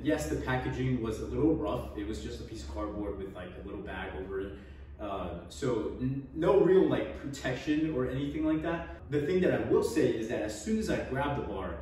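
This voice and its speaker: In his home garage gym, a fitness vlogger in his twenties reviews gym gear casually and jokingly, trailing off with small laughs, his voice mid-range and a little mellow. A camera across the room captures him from a distance, off-mic, in an echoey space with slight background noise.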